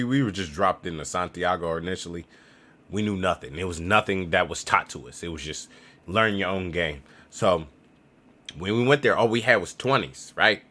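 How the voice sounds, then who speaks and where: A young man talks straight to the camera in a loose, slangy vlog style, acting out little scenes as he goes. His voice sits low but sounds bright and keen, with a lot of bounce in the pitch. He jumps between tips and jokes in an easy, playful way. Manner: slangy, animated, acts out other people's lines. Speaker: travel vlogger.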